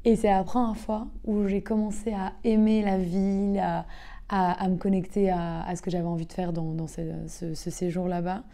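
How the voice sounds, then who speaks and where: Here the same kind of casual interview features a twenty-something singer-actress from the south of France telling her story. Her mid-range voice is dark and level at a moderate pace, full of hesitations, fillers and easy laughter.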